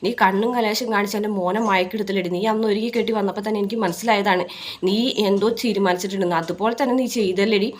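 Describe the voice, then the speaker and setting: A woman's voice: mid-range voice, fairly even intonation, quick pace, natural voice. A woman voicing a furious, domineering middle-aged mother who scolds and hurls insults. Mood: scolding.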